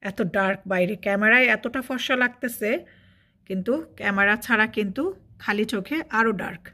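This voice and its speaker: A woman's voice: mid-range voice, fairly even intonation, brisk, pushed and bright. A woman vlogging from her home, filming out a window with a phone and talking in a chatty way that repeats itself and mixes in English words. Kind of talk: casual vlog narration.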